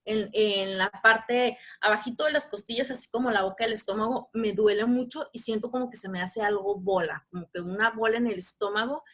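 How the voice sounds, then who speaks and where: A woman's voice: medium pitch, a little fast, hardly any pauses, a bit bright. A woman with a Mexican Spanish accent leading a live online workshop over a video call, talking patiently and putting questions to her audience. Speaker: workshop facilitator.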